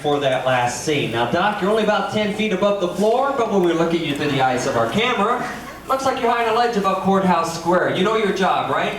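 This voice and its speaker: A man's voice: high-pitched, animated, a little fast, noisy background. Tour guide man on an old vhs tape. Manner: upbeat, directing the audience and actors. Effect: old VHS tape recording. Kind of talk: live attraction show presenting. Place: large indoor studio show stage. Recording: echoey PA sound from far off, music.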